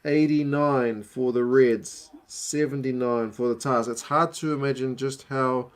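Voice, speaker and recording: Speaking at a measured pace in a mid-range voice, a young man hosts a rugby watch-along stream, chatting casually and reading out viewer messages. His manner is relaxed and slangy, and his New Zealand accent carries traces of years abroad.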